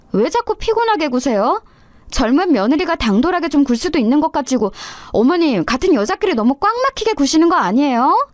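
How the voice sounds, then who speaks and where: A sneering young daughter-in-law, as a woman reads her in a radio story, coldly polite and mocking. Her high voice swoops up and down with taunting lilts. The sound is dry and close. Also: a little mellow, dry recording. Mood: sarcastic. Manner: sarcastic, needling, smugly polite.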